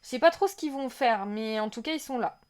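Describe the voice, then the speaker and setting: A fairly high-voiced woman talks her way through a game trailer on a live stream, speaking straight to her viewers. She rambles, restarts and reads their chat aloud, and bursts out in excitement whenever something new shows up on screen. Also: brisk. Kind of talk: casual live-stream reaction.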